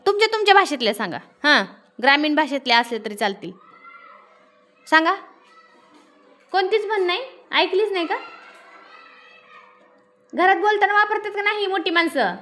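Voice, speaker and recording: A woman's voice: extremely high pitch, lively intonation, normal speed, pauses often, a bit bright, soft background music. A woman teacher reading a story aloud in a classroom, stopping to explain and quiz the pupils.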